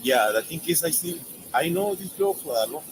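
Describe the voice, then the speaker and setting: Halting Mexican-accented man on a noisy roadside. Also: fairly high pitch, animated. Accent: Mexican Spanish. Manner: halting broken English, many restarts. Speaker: driver stopped by police. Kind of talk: roadside questioning. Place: outdoors by a roadside.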